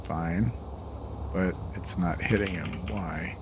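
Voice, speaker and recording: A tired man developing a game mod, thinking aloud as he reads code and tests it. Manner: mutters code to himself, tired, slow and low-key. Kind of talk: thinking aloud while coding and playing. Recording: clear background noise with keyboard typing.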